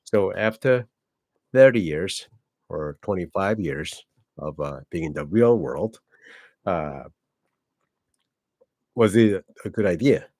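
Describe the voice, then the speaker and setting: A Korean man in his forties, a native speaker with a Korean accent, hosts his own channel in a casual personal vlog monologue. His low, slightly mellow voice is expressive and slow, with long pauses, and he rambles with lots of fillers and self-corrections. The recording is dry.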